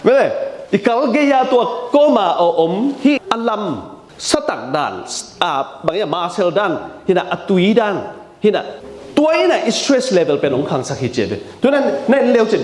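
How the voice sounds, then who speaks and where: Male preacher, high and very animated, repetitive emphatic delivery, mixes in English words, roomy echo. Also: normal speed, a little hiss or hum. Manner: mixes English terms into his speech. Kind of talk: sermon. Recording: echoey room.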